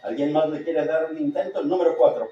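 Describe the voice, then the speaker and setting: A man's voice: a little high, fast talker, dark tone, dull audio, faint music behind. A man teaching a class of church readers, demonstrating readings and how to shift the tone of voice. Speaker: lector training instructor. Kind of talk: workshop lesson. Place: meeting room with class. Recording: roomy echo.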